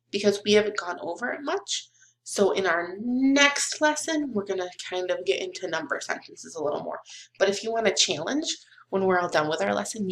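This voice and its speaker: A young woman giving a recorded lesson to small children like a kids show host, in simple, encouraging words, asking questions and counting along. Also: medium pitch. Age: young adult. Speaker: kindergarten math teacher. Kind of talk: recorded children's lesson, talking directly to pupils. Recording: roomy, echoey webcam sound.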